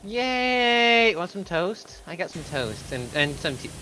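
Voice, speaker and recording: A person chatting casually and playfully while playing a video game, with animated delivery. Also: medium pitch, normal speed, soft background music. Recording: clearly noisy background.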